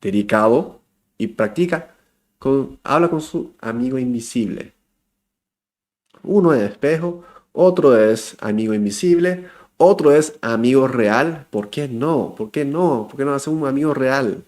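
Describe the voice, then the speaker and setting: A man speaking gives a casual lesson. He swings from low, soft asides to bright, excited highs. He repeats key phrases for emphasis. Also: a little slow. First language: Japanese. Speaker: Japanese teacher.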